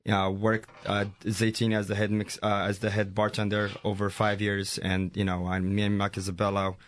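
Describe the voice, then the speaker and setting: A man from Morocco, a head mixologist answering interview questions in a halting way, with many fillers and easy laughs. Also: on the low side, completely flat delivery, a bit bright, slight background noise. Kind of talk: casual radio interview.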